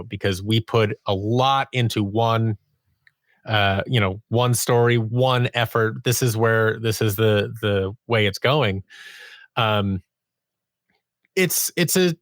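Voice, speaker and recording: In a dry, studio-quality recording, an audio drama producer and sound designer talks as a podcast guest in a conversational interview. He shares stories about his creative work and performs bits of quoted dialogue. His voice sits on the low side and sounds a bit bright.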